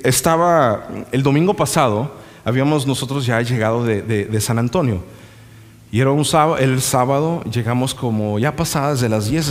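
A male pastor preaching a sermon, moving between impassioned emphatic lines and folksy storytelling asides. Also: medium pitch. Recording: reverberant hall with faint music.

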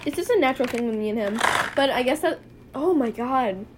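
A woman's voice: high voice, a little fast, a little hiss or hum. Giggly young woman retelling texts. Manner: reads out text messages, giggly and animated. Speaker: podcast co-host. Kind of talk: casual chat.

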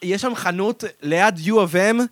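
Higher-voiced Israeli man, casual chat. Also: fairly bright tone, dry recording. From Israel, born in France and moved at age five. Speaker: podcast co-host.

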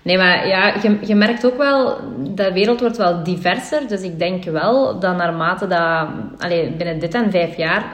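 A woman's voice: lowish voice, measured pace, hardly any pauses, roomy sound. Woman hosting a casual interview. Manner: encouraging, laughs along often. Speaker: interviewer, podcast host.

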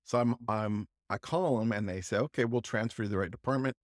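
Low-voiced man telling a rambling story. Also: dry recording, studio quality. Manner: rambling, halting anecdote with restarts. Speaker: podcast co-host. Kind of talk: casual storytelling chat.

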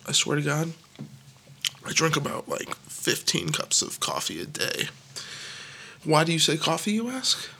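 A man's voice: on the high side, gravelly, bright, forceful tone, breathy edge. A young man delivering a rambling, self-deprecating comedic monologue with absurd jokes, sometimes dropping into a whisper. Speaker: comedic podcast host.

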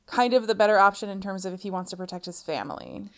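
A woman's voice: medium pitch, quick pace. A woman co-hosting a podcast, casually chiming in to correct and add plot details. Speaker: podcast co-host. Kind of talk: casual book chat.

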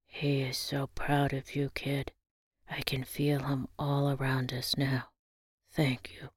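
A woman voicing a gruff, tender old fisherman grandfather in a hushed, breathy voice for an audio story. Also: very deep voice, little pitch movement, measured pace, no room sound, clean studio sound, voice pushed down, full character voice. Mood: proud, hushed.

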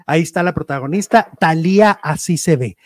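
Guy hosting gossip talk, chatty and animated, dry close sound. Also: a little high, brisk, no room sound. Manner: chatty, animated gossip, playful acted-out quotes. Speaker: show host. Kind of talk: casual entertainment chat.

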